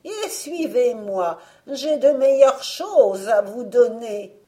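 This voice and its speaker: A woman voicing a hideous, cruel old witch who eats children, with a loud, harsh, fierce voice. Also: fairly high pitch, lively intonation, slow, pitched above the performer's own voice. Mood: coaxing.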